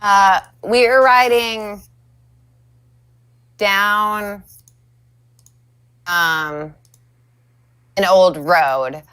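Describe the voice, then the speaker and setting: A woman's voice: mid-range voice, extremely slow, pauses often, fairly bright tone, clear, resonant tone, no echo. Young woman guest, casual storyteller, laughs often, dry close sound. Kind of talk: casual chat. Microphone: video call.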